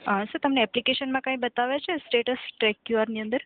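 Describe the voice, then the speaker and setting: Speaking quickly and steadily in a fairly high voice, this woman plays a customer care agent who stays formal and polite and keeps confirming the caller is on board. The scripted service call comes through a tinny phone line without echo.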